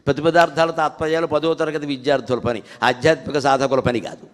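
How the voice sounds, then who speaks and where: A man speaking with a Telugu accent, giving a devotional discourse. He explains plainly and then chants verses slowly and fervently. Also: on the high side, level tone. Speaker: spiritual speaker. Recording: hall reverb.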